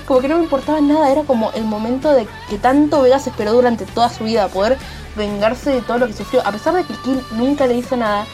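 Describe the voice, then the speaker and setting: A woman with an Argentine accent excitedly retelling and commenting on a series episode, acting out lines and gunshot sounds. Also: a little high. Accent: Argentine Spanish. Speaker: series reviewer. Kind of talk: casual recap and commentary.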